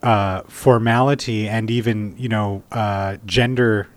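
A man's voice: on the low side, fairly even intonation, a little slow. A man hosting a casual interview, reacting briefly and speaking bluntly. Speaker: host.

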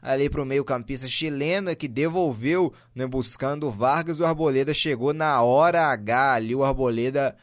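A man's voice: mid-range voice, normal speed, hardly any pauses. A man with a Brazilian accent giving running play-by-play commentary on a football match.

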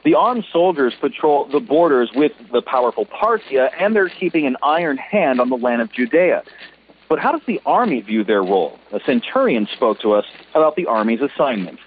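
A man's voice: medium pitch, very animated, moderate pace, slight background noise. A man narrating as a correspondent in a scripted mock news radio drama. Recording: tinny phone-like sound.

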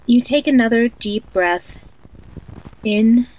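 A woman voicing an eerie, soothing sleep story narrator guiding a children's meditation tape in a hushed, haunting manner. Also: on the high side, slow, poor audio. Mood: calm, ominous. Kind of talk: guided sleep meditation in horror audio story.

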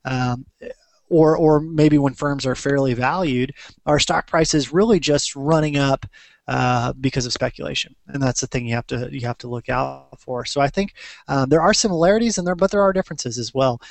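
A man's voice: mid-range voice, normal speed, creaky, dry recording. A man giving conversational, explanatory commentary as an investment advisor on a podcast.

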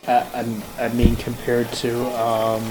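A man speaking as a tabletop player, hesitant and halting. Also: medium pitch, monotone, background noise.

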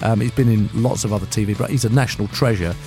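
A man recommending a book in a relaxed, chatty way. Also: on the low side, quick pace. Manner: relaxed, warm praise with fillers. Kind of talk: book recommendation for school radio. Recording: guitar music underneath.

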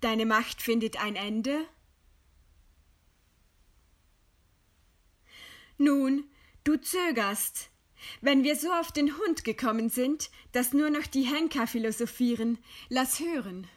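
In a German radio play, an actress with a high voice portrays a weary woman facing execution. Her delivery is deliberate and dramatic, bitterly ironic and probing in mood.

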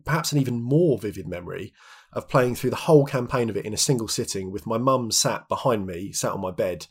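A man's voice: lowish voice, a little fast, husky. A man in his thirties co-hosting a podcast, chatting reflectively with lots of restarts and filler words. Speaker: podcast co-host. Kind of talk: reflective casual chat.

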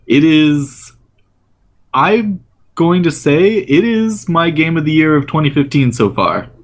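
A young man from Rhode Island co-hosting a gaming podcast, earnest and halting, often restarting his sentences. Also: a little high, expressive. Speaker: podcast co-host and web developer. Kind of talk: casual podcast chat.

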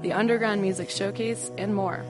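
A woman giving a brisk, upbeat radio ad read. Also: medium pitch, steady tone. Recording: ad read over music.

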